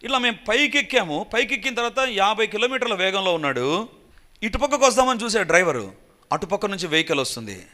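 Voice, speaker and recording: Animated male preacher. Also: high-pitched, quick pace. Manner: animated storytelling, acting out voices and cries. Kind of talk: sermon testimony storytelling.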